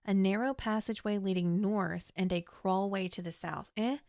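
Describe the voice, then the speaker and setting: Streaming a text adventure, a slightly hoarse young woman reads room descriptions in a measured, story-like manner, breaking off for chatty asides in casual commentary. Her pitch is mid-range for a woman with fairly even intonation and a darkish tone, and the close, dry mic picks up no room sound or echo.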